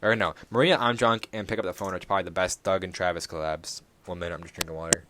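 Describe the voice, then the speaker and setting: A man's voice: sits low, steady tone, quick pace, bright, forceful tone. A young man hosting a casual solo podcast, rambling through music news with many fillers and self-corrections. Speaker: podcast host.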